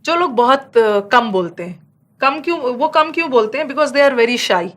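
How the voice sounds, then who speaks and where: A woman's voice: sits high, animated, fairly bright tone. Hindi-English mixing female teacher. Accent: Indian English. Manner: mixes Hindi and English, explains with examples; slows down sharply on English example phrases. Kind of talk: online exam-prep vocabulary lesson.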